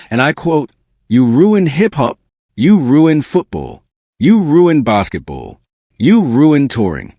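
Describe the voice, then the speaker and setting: A man's voice: on the low side, no echo, clean studio sound. A man narrating a scripted exposé as host, with a smug, sarcastic, dramatic delivery and slangy phrasing. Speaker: host of a celebrity gossip video channel.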